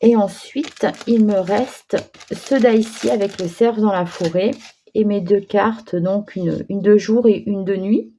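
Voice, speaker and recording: Woman vlogger, mellow tone, chatty and halting, craft demo. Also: mid-range voice, a little hiss or hum. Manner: chatty, hesitant, many fillers and restarts. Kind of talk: casual craft demonstration.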